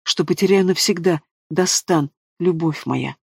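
A man reading the lines of a frightened young woman who speaks softly with a trembling voice. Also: sits high, fairly even intonation, fairly quick, breathy edge, no echo, studio quality. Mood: tearful soft. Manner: trembling, soft. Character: frightened, tearful young heroine.

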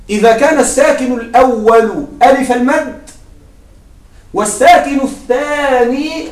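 Male grammar teacher with a very high voice, quizzing the class and repeating key points, recorded from a distance in a roomy space. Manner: asks the class questions and answers them himself. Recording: echoey room, mic at a distance.

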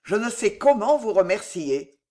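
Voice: medium pitch, very animated, a little slow, a little mellow. A reader voicing a wry, guarded young chevalier. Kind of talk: audiobook character reading.

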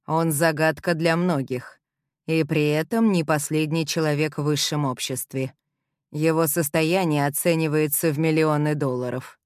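A woman reading the lines of a stern male boss, firm and measured, in an audiobook. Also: deep voice, fairly even intonation, no room sound, studio quality, natural voice. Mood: businesslike.

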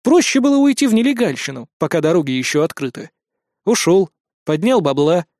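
A man's voice: high-pitched, big pitch swings, brisk, a little mellow, dry recording, studio quality. A man reading a first-person audiobook narration in a wry, matter-of-fact way.

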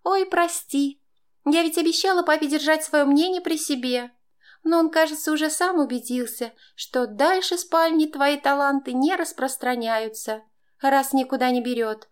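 A woman reading an audiobook puts on a bratty teenage girl with a high, sneering voice. She taunts with a cold, mocking bite and sounds pleased with her own spite. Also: fairly even intonation, quick pace, few pauses, darkish tone.

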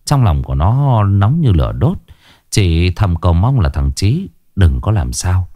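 A man tells a ghost story aloud in an expressive storytelling voice. His pitch moves widely as he narrates. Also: measured pace, dry recording, clean studio sound.

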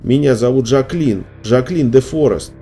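A man voicing a frightened girl of about twelve who squeaks and stammers in a trembling voice. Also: moderate pace, dark tone, soft background music, close to an everyday voice.

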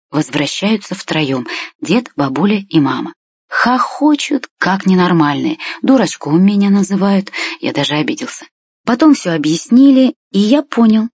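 A woman with a husky voice narrating a children's story in the first person as a boy, in a calm storytelling manner. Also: fairly low pitch, no room sound. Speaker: audiobook reader. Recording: dry, slightly muffled lo-fi recording.

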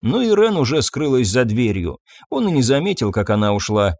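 A man reading a story aloud with expressive storytelling. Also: medium pitch, brisk, no room sound, clean studio sound. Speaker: narrator. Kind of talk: audiobook reading.

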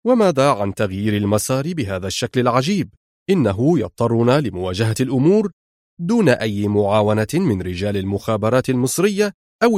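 Audiobook: male narrator doing an indignant lieutenant colonel, expressive, close dry read. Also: fairly low pitch, no room sound. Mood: concerned. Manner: demanding, indignant. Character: proud short-tempered male army lieutenant colonel.

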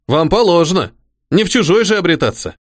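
A man's voice: high-pitched, big pitch swings, a little fast, no room sound, clean studio sound, pitched above the performer's own voice. A man voicing a devoted, old-fashioned soldier-servant who talks in a folksy, fussing way. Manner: rustic folksy speech, fussing and eager. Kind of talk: audiobook character voice.

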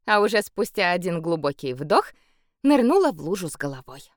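A woman reading a children's story aloud with playful, expressive narration. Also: lowish voice, brisk, no room sound, studio quality. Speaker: audiobook reader.

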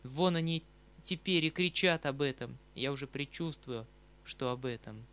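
A man's voice: medium pitch, normal speed, a bit bright, clean tone, natural voice. A man reading aloud, voicing the lines of an earnest, proud young woman in a scripted audiobook narration. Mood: worried.

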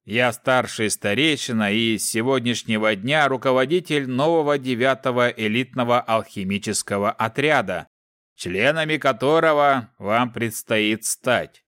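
A man's voice: medium pitch, unhurried, a bit bright, clean tone, no room sound, clean studio sound, natural voice. A man voicing an arrogant, contemptuous sylph elder who bullies and interrupts his recruits in an audiobook. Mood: scornful. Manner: contemptuous, menacing, cuts people off. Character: arrogant, bullying male sylph elder, commander. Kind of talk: audiobook character voice.

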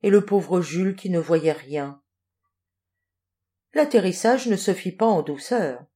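A woman narrating a children's audiobook in a clear, measured storytelling manner. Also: lowish voice, expressive, dark tone. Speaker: audiobook reader.

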